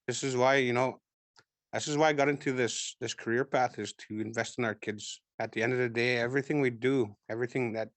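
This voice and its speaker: A man's voice: medium pitch, no echo. A man speaking earnestly at a press conference, repeating phrases for emphasis.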